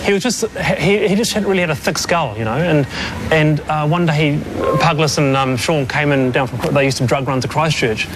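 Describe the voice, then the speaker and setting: A man's voice: a little high, normal speed, background noise. A man, earnestly recalling events in a documentary interview, with many restarts and "you know"s. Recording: clear background music under the voice.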